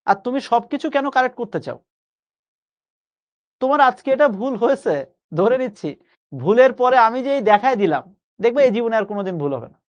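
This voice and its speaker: Young man teaching Bangla grammar, slow. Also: very high voice, sing-song, dull audio. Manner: coaxing, repeats key phrases slowly for emphasis. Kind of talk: live online class lecture.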